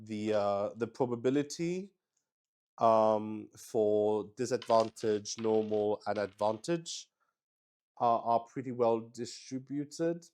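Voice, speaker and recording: Hosting a tabletop game stream alone, this man speaks slowly in a fairly low, slightly mellow voice. The talk is casual, unscripted livestream chat that wanders, with frequent restarted sentences.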